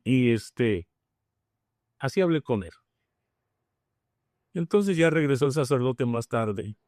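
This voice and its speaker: A man's voice: mid-range voice, lively intonation, slow pace, darkish tone, no echo, studio quality. Frank Mexican man, slangy storyteller. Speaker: guest, member of Alcoholics Anonymous. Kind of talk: personal recovery testimony in a podcast conversation.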